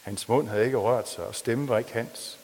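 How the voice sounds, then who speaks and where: A man preaching a sermon, reading a story aloud with feeling and then talking plainly with pauses and restarts. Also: mid-range voice, darkish tone, a little hiss or hum. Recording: long reverb of a hall.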